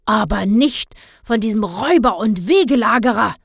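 A sour, penny-pinching father grumbles and scolds, as a woman reads him aloud. He talks slowly and indignantly, his voice close and dry. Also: mid-range voice, expressive, no room sound, natural voice. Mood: grumbling. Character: grumpy stingy middle-aged father.

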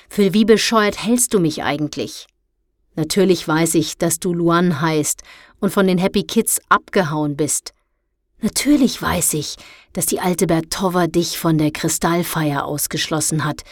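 A woman reading a storybook, voicing a loud, domineering male amusement park boss who booms and bosses people around. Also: dry recording, clean studio sound. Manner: booming, bossy, overbearing.

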